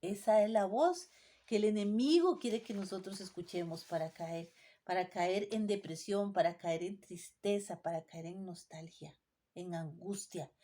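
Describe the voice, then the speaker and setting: A woman's voice: mid-range voice, a little slow, mellow. A woman preacher delivering a sermon, emphatic and full of rhetorical questions to the congregation.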